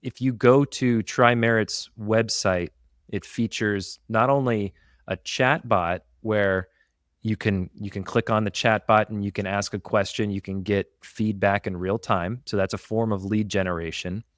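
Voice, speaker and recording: A man co-hosting a business podcast, explaining marketing examples in a steady, detailed, casual way. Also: fairly low pitch, measured pace, no echo, studio quality. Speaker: podcast co-host.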